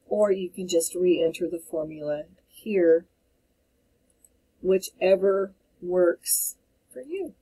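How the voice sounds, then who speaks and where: Woman instructor, mellow and slightly husky, calm step-by-step tutorial delivery at a desk mic. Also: mid-range voice, low-quality recording. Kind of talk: screen-recorded software tutorial.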